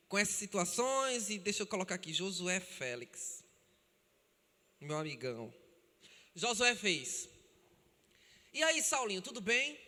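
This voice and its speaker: Bright-voiced Brazilian preacher in a hall. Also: male voice, high voice. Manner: emotional storytelling, addresses the congregation as brothers. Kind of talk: sermon. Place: church hall. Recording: long church hall reverb.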